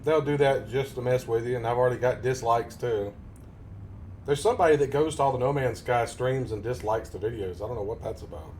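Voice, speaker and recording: Chatting with his game-stream audience, this Tennessee Southerner rambles, cracks jokes, and chuckles frequently. He speaks briskly in a mid-range voice with a darkish tone, over a little hiss or hum.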